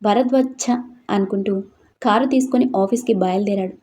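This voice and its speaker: A woman storyteller reading a scripted story in a steady, expressive way. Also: mid-range voice, brisk.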